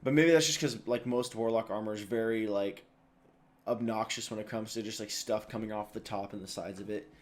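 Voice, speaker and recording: A man's voice: on the low side, steady tone, a little fast. Tired man rambling through casual commentary. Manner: rambling, full of fillers and restarts. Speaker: video host.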